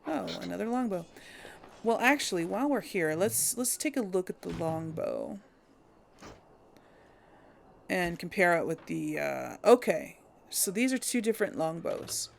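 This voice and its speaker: A woman hosts a role-playing game let's play, chatting casually, thinking aloud and laughing often. Her voice is fairly low and sing-song with vocal fry, at a normal speed, and there's slight background noise.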